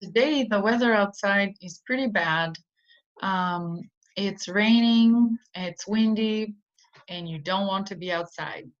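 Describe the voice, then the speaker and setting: A woman with a mid-range voice teaches an English idiom in a slow online vocabulary lesson. She speaks slowly and patiently, giving simple explanations with frequent ums. The recording sounds dull and lo-fi.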